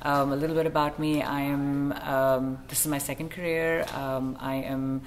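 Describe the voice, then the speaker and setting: A woman's voice: a bass voice, little pitch movement, moderate pace. A woman from Kuwait who owns an interior design firm, introducing herself on a panel in a chatty way with many fillers. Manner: chatty, self-deprecating, with fillers.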